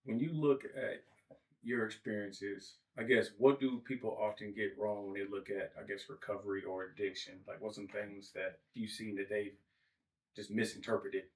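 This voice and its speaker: A man's voice: on the low side, flat delivery, normal speed. A man hosting a podcast in a casual, playful, joking chat. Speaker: podcast host. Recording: distant from the mic.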